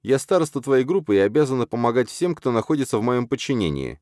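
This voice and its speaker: A calm, composed young woman who leads her class speaks evenly and lectures gently, as a male audiobook reader puts her on. The voice is lifted well above his own low register. The recording is dry and close, with no room sound. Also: quick pace, dry recording, natural voice. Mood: calm lecturing.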